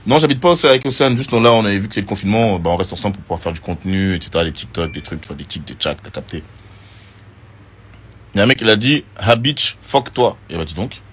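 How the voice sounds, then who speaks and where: A reality TV contestant, a man, chatting casually on social media and answering viewer questions in a relaxed, slangy way. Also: sits low, fast, slightly rough. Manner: relaxed and slangy, with many fillers.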